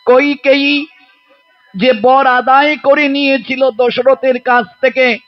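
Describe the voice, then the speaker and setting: Man preaching a story sermon, really high voice, slow and emphatic, dull lo-fi sound. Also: flat delivery. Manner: slow, emphatic, acts out quoted speech.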